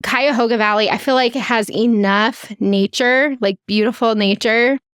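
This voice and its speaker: A woman's voice: fairly high pitch, fairly even intonation, normal speed, a bit bright, clear, resonant tone, no room sound. A woman co-hosting a podcast, chatting casually in a frank, dry way with loose restarts. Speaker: podcast co-host.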